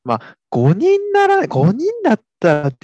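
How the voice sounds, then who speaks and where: A young man with a mid-range voice chats casually, reacting often with quick short replies. His intonation is lively and bouncy, and the sound is dry and close to the mic. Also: high voice, no echo, dull audio. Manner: reactive, frequent short back-channel replies, laughs easily. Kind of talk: casual chat.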